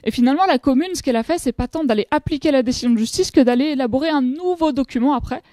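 Her voice sits high and races along with a warm tone, captured in studio quality with no room sound. She's a French academic in her thirties giving a conference talk from a panel table, often hesitating and starting over.

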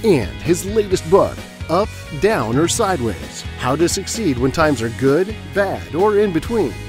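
A man reads a promo voice-over in a lively, slightly high voice. Guitar music plays clearly under him. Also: measured pace. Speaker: announcer.

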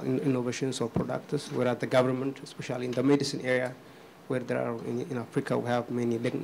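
A man from Ethiopia, an audience member, asking a halting question from the floor with many restarts. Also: mid-range voice, vocal fry, poor audio. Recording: faint background noise.

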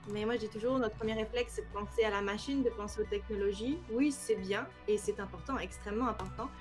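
A French woman in her thirties, a cybersecurity trainer, appears as a guest in a casual live-streamed video-call interview from a room at home. She speaks with a French accent and a mid-range voice, slips in some Quebec expressions, and explains her work animatedly, offering many examples and gesturing a lot with her hands.

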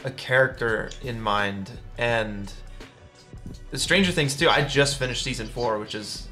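Speaking through a video-call headset, a young livestream host conducts a relaxed, excited interview, heaping on eager praise in casual slang. His energetic voice sits at a medium pitch and moves at an unhurried pace over soft background music.

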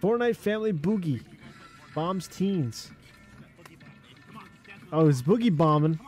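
A man's voice: fairly high pitch, expressive, slow pace, darkish tone, faint music behind. A man streaming casual reaction commentary, rambling and profane with many fillers.

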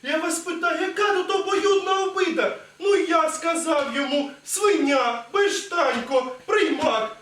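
A man's voice: very high voice, unhurried, few pauses. A student actor playing a pompous, indignant rural would-be nobleman in a school stage play. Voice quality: blustering, indignant shouting. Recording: echoey hall, mic far off.

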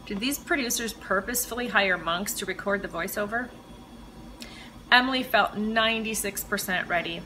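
A woman author reading her own mystery novel aloud with measured, expressive storytelling. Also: medium pitch, a little hiss or hum, low-quality recording. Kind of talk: audiobook-style reading of fiction.

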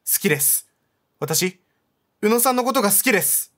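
A man putting on an earnest young woman from a horror game, speaking in a halting, soft way. Her voice sits higher than a man's usual talk and moves up and down a lot. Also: lively intonation, full character voice. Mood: shy. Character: shy earnest young woman confessing love.

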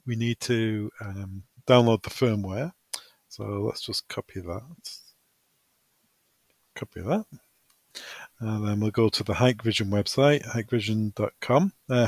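A man who works as a technical trainer walks through a software tutorial one step at a time, sounding casual and hesitant, almost like he's thinking out loud. His pitch sits in the middle, and there's no echo.

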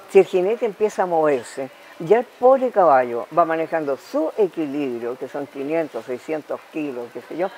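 A Chilean woman in her nineties, a talk-show guest telling lively anecdotes and punctuating them with spoken sound effects. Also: fairly low pitch, slight background noise, low-quality recording. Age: 90s.

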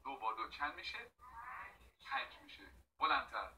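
A man's voice: on the high side, animated, bright, forceful tone, poor audio. An actor playing a domineering male teacher who barks orders and drills his class in a film drama. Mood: stern. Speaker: strict schoolteacher.

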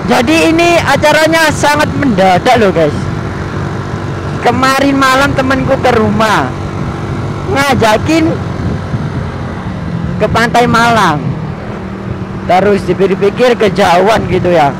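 Young guy motovlogging on the road, high voice, slow chatty talk, wind and traffic roaring. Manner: chatty, joking, slangy. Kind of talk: casual riding commentary. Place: riding a motorbike on a highway outdoors. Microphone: helmet or bike camera mic. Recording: loud wind and traffic noise. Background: engine and traffic noise.

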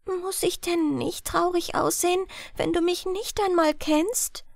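A woman voicing a sad young maiden who has lost her voice, speaking in a soft breathy whisper in a fairy-tale audiobook. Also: very high-pitched, steady tone, a little slow, no echo, studio quality, voice pushed up, heavily acted. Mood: sad, pleading.

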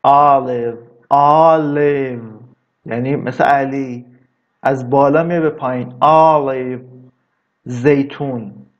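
A man teaching English vocabulary in a casual lesson, drawing words out slowly and adding chatty asides. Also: mid-range voice, steady tone, muffled recording. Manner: slow, drawn-out repetition of words, chatty asides.

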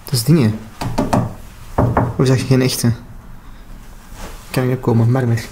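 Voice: medium pitch, flat delivery, measured pace, background noise. A person with a Flemish accent, wandering through an abandoned house and thinking aloud in casual commentary. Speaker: urban explorer.

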